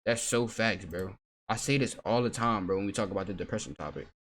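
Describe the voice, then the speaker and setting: Low-voiced man ranting in reaction commentary. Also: animated, fast, fairly bright tone, slight background noise. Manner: blunt, profane, says "bro" constantly. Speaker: reaction streamer.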